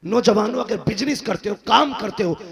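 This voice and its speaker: Guy preaching a fired-up sermon, gravelly voice sitting kinda high, goes loud then drops low. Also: lively intonation, moderate pace, crowd noise. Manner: impassioned, swinging from loud exhortation to low earnest tones. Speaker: Islamic preacher. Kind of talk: fervent religious sermon. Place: madrasa gathering.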